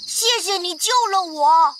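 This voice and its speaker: A woman's voice: very high voice, a little slow, background noise. A woman voicing a small, plucky young male mouse hero in a children's audio fairy tale, earnest and childlike. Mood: polite, earnest.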